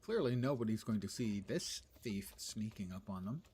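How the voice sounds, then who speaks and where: A man's voice: fairly low pitch, animated, moderate pace, a little mellow, slight background noise. A man giving casual game commentary, musing aloud in a wry, playful way. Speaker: gaming host.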